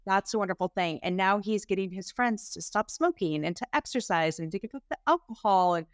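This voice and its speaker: A woman's voice: medium pitch, animated, fairly quick, no room sound, studio quality. A woman health practitioner, a guest on a podcast interview, telling stories about her clients with enthusiasm.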